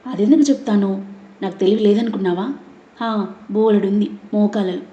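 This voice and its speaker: A woman's voice: medium pitch, steady tone, fairly quick, warm tone, echoey room, dull audio, lightly acted. A woman reading the lines of a scheming, sarcastic young woman in a storybook reading. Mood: light. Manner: sneering, sarcastic.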